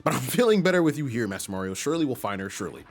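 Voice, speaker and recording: A man's voice: medium pitch, big pitch swings, rapid-fire, voice pushed up. A man voicing a fussy old male mushroom butler, throaty, pompous and genteel.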